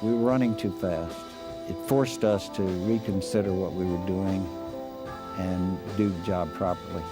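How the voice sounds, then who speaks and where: Low-voiced, frank older man. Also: fairly even intonation, measured pace, loud music behind the voice. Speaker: space program veteran. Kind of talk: candid documentary interview.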